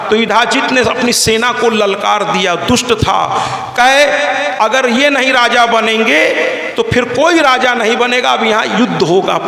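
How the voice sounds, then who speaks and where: A male religious storyteller giving a devotional scripture discourse in lively tones, acting out the voices of the people in his stories. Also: very high-pitched. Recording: echoey hall with long reverb.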